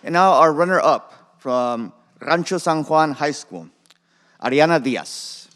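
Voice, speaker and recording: A man's voice: on the high side, slow, fairly bright tone. A man hosting an event, giving brief formal introductions of each contestant. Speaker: event host. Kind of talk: announcing contestants. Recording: long hall reverb.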